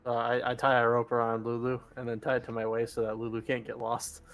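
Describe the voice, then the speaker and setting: A man's voice: mid-range voice, quick pace. A man playing a tabletop game, talking casually and joking in character. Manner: playful, lively in-character asides. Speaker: player.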